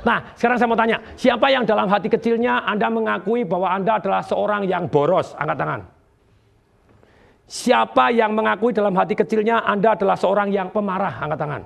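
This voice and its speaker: Male motivational speaker, high and gravelly, animated, quizzes the crowd; live seminar room with audience noise. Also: brisk. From Indonesia.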